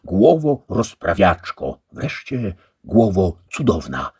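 A man's voice: deep voice, big pitch swings, slow pace, darkish tone, slightly rough, voice pushed up, exaggerated voice. A man voicing a curious nobleman who questions eagerly.

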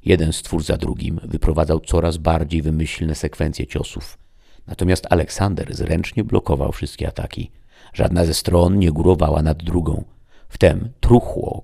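A man narrating a sci-fi fantasy audiobook in a steady, dramatic storytelling manner. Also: extremely low pitch, gravelly, husky.

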